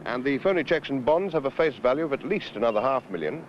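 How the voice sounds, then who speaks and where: Man playing a wry senior detective, low-pitched, dated TV sound. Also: expressive, quick pace, natural voice. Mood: measured, explanatory. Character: wry senior British detective briefing his subordinate. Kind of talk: 1970s British television drama dialogue. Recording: dull, noisy 1970s television location sound.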